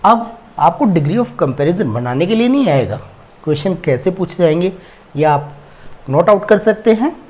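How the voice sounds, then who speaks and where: A man teaching English grammar in a classroom-style lesson, slowly dictating word forms. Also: sits high, animated, a little mellow.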